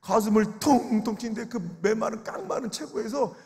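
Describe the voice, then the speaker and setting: A man preaching an emotional sermon in a large prayer-house sanctuary, his voice high and gravelly. He tells stories and acts out grieving voices. The hall rings with long reverb. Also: moderate pace, mellow. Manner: storytelling, acts out quoted voices with sobbing cries. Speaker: pastor.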